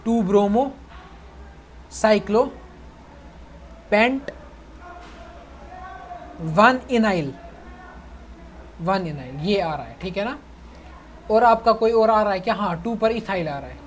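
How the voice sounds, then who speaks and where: A man's voice: high-pitched, animated, slow pace, pauses often, slight background noise. A young man teaching chemistry in a casual online lecture, chatty, calling his students "bhai" and checking that they follow. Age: young adult. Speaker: chemistry tutor.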